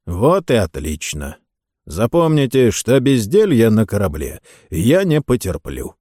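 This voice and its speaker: A man's voice: on the low side, wildly swooping pitch, unhurried, breathy edge, no echo, studio quality, heavily acted. A man voicing a stern, strict middle-aged ship captain who barks curt orders in a storybook reading. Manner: curt barked commands, deceptively soft.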